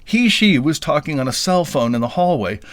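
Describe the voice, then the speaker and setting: A man's voice: a little high, animated, normal speed, no echo. A man telling a funny personal story in a wry, self-deprecating, playfully dramatic way. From US Midwest. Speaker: podcast storyteller. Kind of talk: comic first-person storytelling.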